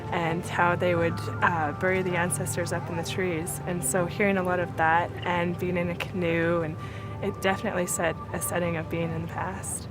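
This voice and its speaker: Woman from Canada, 19, lowish voice, reflective, music behind. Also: flat delivery, normal speed. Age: late teens. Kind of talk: casual interview.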